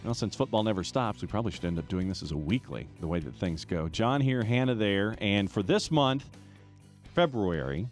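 A man co-hosting a casual high school football podcast, talking in a rambling way with restarts and fillers. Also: expressive, brisk, faint music behind. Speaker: podcast co-host. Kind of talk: casual sports podcast chat.

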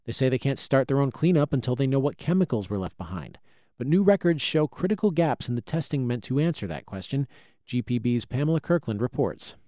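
A man's voice: medium pitch, expressive, fairly quick, mellow, dry recording, studio quality. An American man hosting a news program, reading scripted news narration. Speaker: news podcast host.

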